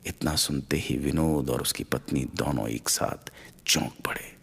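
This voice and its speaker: Deep-voiced man telling a story. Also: measured pace, creaky, husky, whispered. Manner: expressive, lifts pitch for characters' lines. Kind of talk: story narration with voiced quotes.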